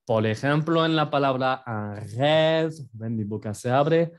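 A man's voice: mid-range voice, normal speed. A French man with a French accent teaching a language lesson in a playful, self-deprecating way, explaining with examples.

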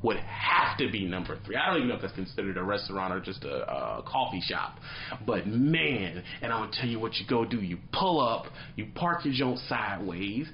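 A thirties-aged truck driver vlogs casually to camera from a small, dim room, his lowish voice moving briskly as he tells slangy stories and acts out little scenes. The audio is dull, with a faint hiss or hum.

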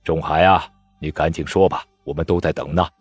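A man's voice: rumbling low, fairly even intonation, a little fast, slightly rough, dry recording, soft background music, voice pushed down. A man voicing a stern, testy older official who scolds and presses impatiently. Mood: coaxing.

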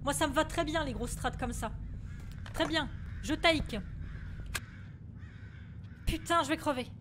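Jittery high-voiced French woman gaming. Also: measured pace, background noise. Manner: jittery, keeps saying she is scared, swears a lot; reads in-game English aloud with a strong French accent. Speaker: gaming streamer. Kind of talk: live horror game commentary.

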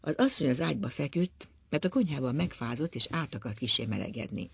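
Gravelly, husky male audiobook narrator. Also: medium pitch, animated, no echo.

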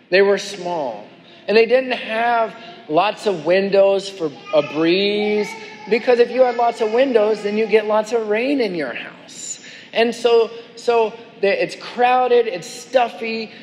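A male lead pastor gives a relaxed, conversational sermon, reading scripture aloud and often restarting and repeating words. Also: high-pitched. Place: church sanctuary. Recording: reverberant church hall, faint background noise.

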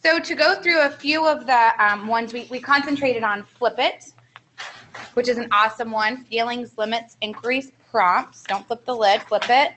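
A woman's voice: fairly high pitch, normal speed, pushed and bright, slight background noise, low-quality recording. A woman co-presenting a training seminar, explaining behavior strategies in an upbeat way. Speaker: early childhood trainer.

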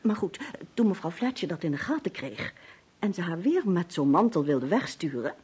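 A woman's voice: lowish voice, big pitch swings, normal speed, darkish tone, breathy edge, full character voice. An actress in a 1950s radio drama, playing a composed, resourceful woman who helps a detective and explains things steadily. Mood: calm, explaining. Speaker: detective's wife in a radio play.

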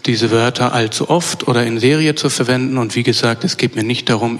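A man giving an academic lecture in a measured way, often hesitating with fillers and correcting himself. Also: mid-range voice, a bit bright. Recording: long reverb of a lecture hall.

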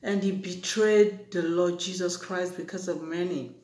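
A preacher giving an earnest, exhorting Bible teaching, with many pauses and fillers. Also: mid-range voice, steady tone, darkish tone. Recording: echoey room.

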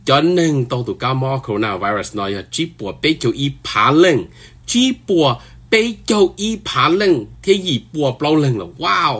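A man's voice: mid-range voice, big pitch swings, quick pace, few pauses, a bit bright. A man hosting a solo news talk show, speaking loosely with many fillers and often pushing his voice up for emphasis.

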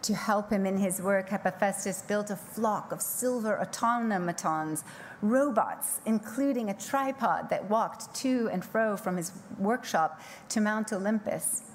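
A middle-aged woman reads a scripted keynote from a podium microphone on a large conference stage, her voice mid-range. She delivers it in a measured, poetic way, slowing with emphatic pauses to stress key phrases. A faint hiss of background noise runs beneath the recording.

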